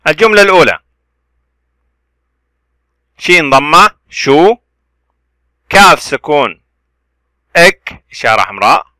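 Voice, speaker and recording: A man teaching children to read, spelling out letters and vowel marks slowly and stretching the words. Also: a little high, no echo. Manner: bright, clear, dry close voice. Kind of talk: children's reading lesson.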